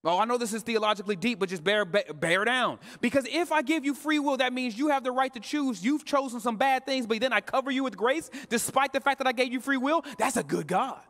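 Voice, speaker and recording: High-voiced pastor preaching in a reverberant sanctuary. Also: male voice, fairly quick, few pauses, a bit bright. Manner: conversational preaching with casual slang, addressing the congregation directly. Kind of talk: live sermon. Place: church sanctuary. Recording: long reverb of a church hall.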